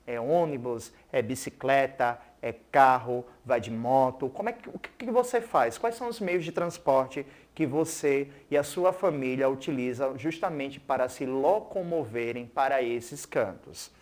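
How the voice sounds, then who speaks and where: An English teacher giving a recorded school TV lesson, checking in with pupils often and saying words slowly for them to repeat. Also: medium pitch, a little mellow. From Pernambuco, Brazil. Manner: keeps checking in with "certo?" and "né?".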